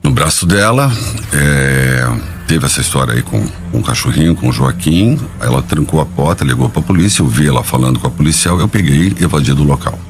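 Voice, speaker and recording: A man with an extremely deep voice answers interview questions defensively. He hesitates and stumbles, repeating words as he searches for them. Faint music runs behind him. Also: expressive, fairly quick.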